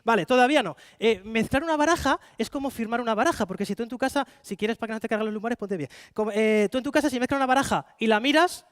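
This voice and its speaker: A man's voice: extremely high pitch, quick pace, hardly any pauses, fairly bright tone, no echo, clean studio sound. A man with a Spanish accent performing a live card-magic show, playfully coaxing volunteers from the audience. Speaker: stage magician. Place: conference hall with live audience.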